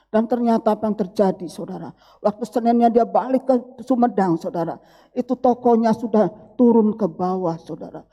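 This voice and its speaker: A woman's voice: medium pitch, warm tone. A middle-aged woman pastor preaching a sermon, phrases rising with emphasis and falling away at each line's end. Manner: addresses listeners as brothers and sisters, rising emphatic phrases dropping at the end. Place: church hall. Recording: long hall reverb.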